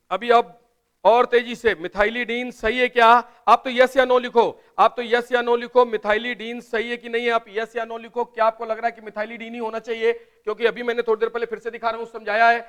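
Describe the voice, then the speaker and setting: A man teaching chemistry in a live online class, explaining step by step and urging students to answer quickly in the chat. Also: extremely high pitch, a bit bright, smooth. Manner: explains step by step, often asks "right?".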